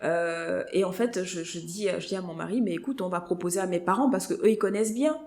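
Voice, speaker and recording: A woman's voice: fairly low pitch, a little fast. Roomy-sounding woman telling her story. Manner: lively storyteller who acts out quoted voices. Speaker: podcast guest, HR professional. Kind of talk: conversational interview storytelling. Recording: roomy echo.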